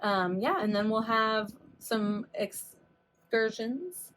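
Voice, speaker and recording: A woman's voice: fairly high pitch, lively intonation, slow, a bit bright. Chatty woman podcast co-host. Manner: chatty, jokey, acts out quotes. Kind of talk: casual chat.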